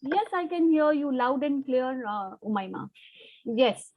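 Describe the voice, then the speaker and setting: A young woman leads a class over a video call, her voice sitting high and bright in pitch. She talks briskly, coaxing and quizzing pupils one by one. A light background hiss runs under the call. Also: expressive, highs cut off. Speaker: teacher. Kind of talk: online class teaching.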